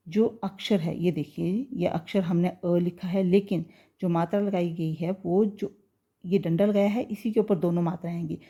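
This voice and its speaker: A woman teacher leads a pronunciation lesson in a low, soft, dark-toned voice. She goes through words one by one, repeating them patiently and checking that her pupils follow.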